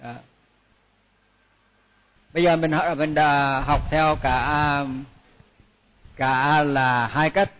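A man teaching a chanting lesson, sounding each syllable slowly before chatting through pronunciation with small laughs. His voice sits somewhat high. The recording is dull and lo-fi, with a long hall reverb trailing behind him. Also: steady tone. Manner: slow repeated chanting of each word, then quick chatty explanation with light laughs. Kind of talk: chanting lesson with spoken explanation.

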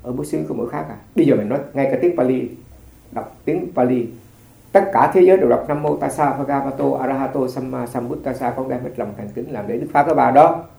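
A man's voice: mid-range voice, expressive, quick pace, gravelly, dark tone. A man giving an informal dharma talk as a Buddhist monk, telling stories in a chatty way with many restarts. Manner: chatty storytelling with frequent restarts and light laughter. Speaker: Buddhist monk teaching a congregation. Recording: echoey room.

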